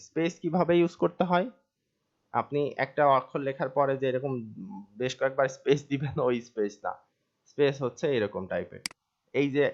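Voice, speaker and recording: A man's voice: medium pitch, dull audio. A man from Bangladesh teaching a recorded live online class, talking conversationally, mixing in English terms and asking himself questions before answering them. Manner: mixes English terms into colloquial Bengali. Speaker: online course instructor.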